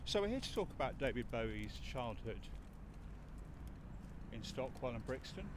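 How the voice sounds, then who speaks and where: A man's voice: medium pitch, sing-song, moderate pace. Chatty man guiding a street walk. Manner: rambling, enthusiastic, with many fillers. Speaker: podcast host and tour guide. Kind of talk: chatty walking-tour talk. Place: busy city street outdoors, walking. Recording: loud traffic and building noise.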